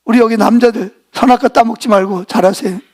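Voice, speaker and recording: High-voiced man preaching a sermon. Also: brisk. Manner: animated storytelling, quizzing the congregation with rhetorical questions. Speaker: pastor.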